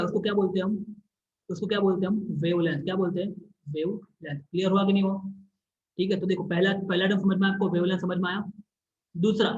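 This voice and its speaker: Male tutor, high voice, repetitive board-side explaining, echoey room. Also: a little mellow. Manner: repetitive, keeps checking if students follow; draws on a board while explaining. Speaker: teacher. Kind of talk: classroom physics lesson. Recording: echoey room, slightly dull recording.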